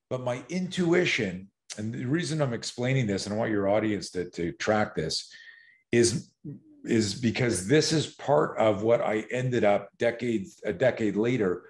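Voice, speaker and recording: Speaking at a normal speed in a fairly low, slightly mellow voice, a middle-aged man tells a story during a podcast interview. He's animated, often laughing and acting out voices and sounds.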